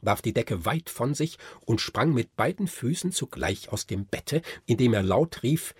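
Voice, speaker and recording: A man narrates an audiobook with expressive, lively storytelling. His pitch swings widely while his tone stays very husky and breathy. The studio sound is close and dry. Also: a little slow, no echo. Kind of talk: scripted narration.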